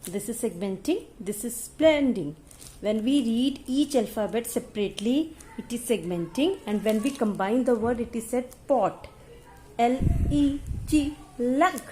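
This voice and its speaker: A woman's voice: a little high, animated, extremely slow, warm tone, slight background noise. A young Indian woman teaching a phonics lesson in English and Hindi, sounding out letters one by one.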